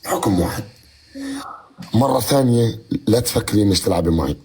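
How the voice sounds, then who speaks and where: A man's voice: fairly low pitch, animated, brisk, a little mellow, slight background noise. A man bantering playfully as a rival streamer on a live stream.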